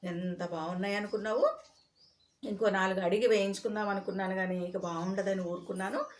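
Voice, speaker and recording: A woman's voice: mid-range voice, steady tone, a little fast, close to an everyday voice. A woman voicing a simple-minded, forgetful village husband who talks in a naive, insistent way.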